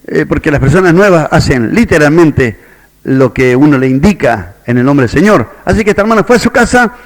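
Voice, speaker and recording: A man's voice: a little high, lively intonation, fairly quick. A man with a Rioplatense Spanish accent preaching a sermon as a pastor, telling a story and quoting its characters. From Argentina.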